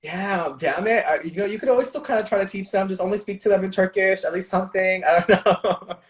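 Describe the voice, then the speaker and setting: A young man talking as a guest in a casual chat, relaxed, with lots of "like" and fillers. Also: high-pitched, fairly quick. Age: young adult. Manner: relaxed, filler-heavy, says "like" often. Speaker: guest, beauty artist.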